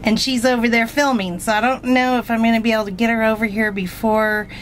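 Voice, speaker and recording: A woman's voice: fairly high pitch, flat delivery, fast talker. A woman hosting a casual travel vlog, chatty, filming herself on a handheld phone. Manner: chatty, coos at the dog. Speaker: vlog host. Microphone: handheld phone camera. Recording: noisy phone recording.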